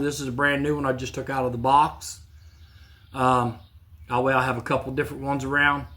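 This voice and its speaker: A man hosting a woodworking channel, casually demonstrating in his home shop in a plainspoken, repetitive way. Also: a little high. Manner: plainspoken, repeats himself, relaxed restarts.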